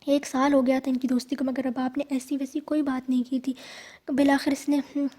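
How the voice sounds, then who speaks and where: A woman reading a romantic story aloud in a steady, plain way, with small slips now and then. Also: sits high.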